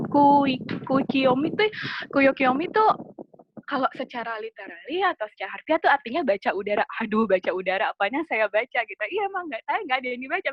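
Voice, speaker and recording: A woman's voice: sits high, dry recording. A woman presenting a casual webinar lesson, chatty, asking the audience questions and laughing at her own jokes, on a computer mic. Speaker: webinar presenter on Japanese culture. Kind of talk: casual lecture with slides. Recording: dry, slightly dull webinar audio.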